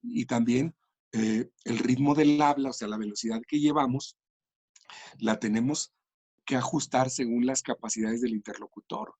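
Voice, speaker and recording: A man's voice: mid-range voice, gravelly, a little mellow, husky, no room sound. A man explaining language and communication in an interview, thoughtful and full of small restarts. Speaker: education and language researcher.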